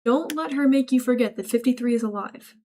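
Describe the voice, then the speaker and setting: A woman's voice: fairly high pitch, fairly quick, a little mellow. A young woman streaming, reading chat aloud and joking back in a playful, mock-serious way. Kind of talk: casual livestream chat.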